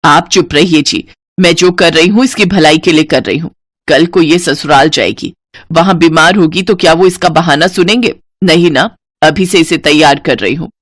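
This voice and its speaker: A woman's voice: low-pitched, moderate pace, no echo, clean studio sound. Woman doing a harsh, scolding stepmother.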